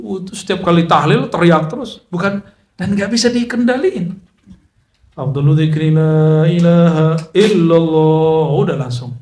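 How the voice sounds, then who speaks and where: A man's voice: sits high, roomy sound. A man preaching a casual religious lecture, joking with listeners, mixing in recited Arabic. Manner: chatty, joking asides, Arabic recitation mixed in. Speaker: Islamic preacher.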